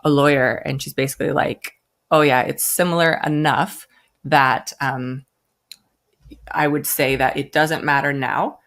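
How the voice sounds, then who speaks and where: Extremely low in pitch yet fairly bright in tone, this woman speaks unhurriedly with fairly even intonation. A founder of a brand from the United States, she shares her story in a casual interview, chatty and quick to act out quoted voices.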